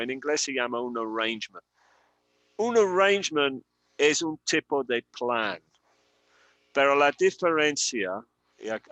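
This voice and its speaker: Slow, bright-voiced male language teacher. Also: medium pitch, no room sound. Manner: slow, patient, repeats example sentences for students. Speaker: English teacher. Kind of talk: live online language class.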